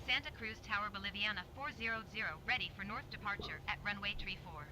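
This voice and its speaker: A man making clipped pilot radio calls to the tower, heard over the cockpit headset as a distant, noisy transmission. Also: high-pitched. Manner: quick, clipped readbacks. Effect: pilot radio call heard over the cockpit headset.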